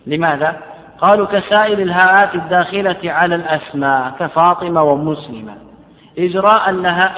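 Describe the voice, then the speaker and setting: A man's voice: a little high, phone-quality sound. Man lecturing in an echoey hall. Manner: repeats phrases, restarts and self-corrects while explaining; recites quoted verses slowly and carefully. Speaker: Islamic scholar teaching Quran readings. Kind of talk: classroom lecture explaining a text.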